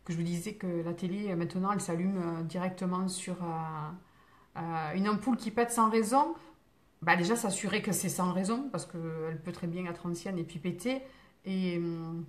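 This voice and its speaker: A woman's voice: lowish voice, moderate pace. A woman hosting a live stream as a spiritual medium, talking casually and answering viewer comments, with many fillers, restarts and digressions in a reassuring tone. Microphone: phone.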